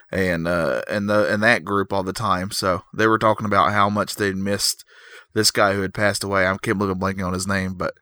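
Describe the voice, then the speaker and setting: A man's voice: on the low side, pushed and bright, no echo. A man co-hosting a podcast, chatting casually and hesitantly about wrestling news. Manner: hesitant, searches for words. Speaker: podcast co-host.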